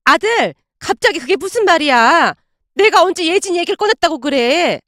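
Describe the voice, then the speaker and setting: A woman's voice: very high voice, expressive, normal speed, a bit bright, dry recording, studio quality, pitched above the performer's own voice. A woman doing a whiny older mother-in-law. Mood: defensive. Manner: whiny, self-justifying.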